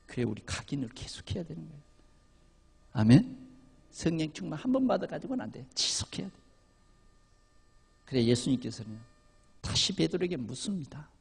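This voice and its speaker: Male pastor, sermon, husky gravelly voice, lively swooping pitch, reverberant church hall. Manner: emphatic preaching with sudden loud and quiet turns. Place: church sanctuary.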